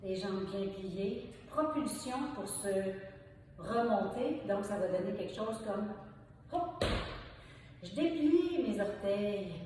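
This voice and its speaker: A woman's voice: mid-range voice, lively intonation, takes it slowly. A woman with a Québécois French accent leading an aerobics class, cheerfully counting beats and encouraging while she exercises, a bit out of breath. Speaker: aerobics instructor. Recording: echoey hall, distant mic, background noise.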